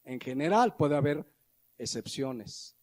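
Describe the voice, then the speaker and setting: A middle-aged man preaching a sermon in a Mexican Spanish accent, animated, acting out little everyday scenes and slowing down to stretch key words. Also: medium pitch, no room sound. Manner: animated, acts out little scenes with quoted voices. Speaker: pastor.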